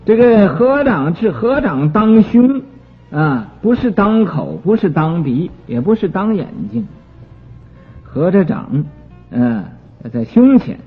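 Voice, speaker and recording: Man, Buddhist lecturer, slow and husky, thin phone-like old recording. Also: high-pitched, big pitch swings. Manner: explains terms slowly with many drawn-out fillers. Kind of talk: sutra commentary lecture. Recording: tinny lo-fi recording with faint music.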